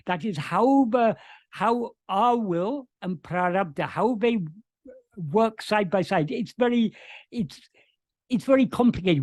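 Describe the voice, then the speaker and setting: Over a video call, a man with a high, darkish voice and no room sound earnestly answers questions in a spoken explanation of spiritual teachings. He frequently restarts sentences and stammers at the start.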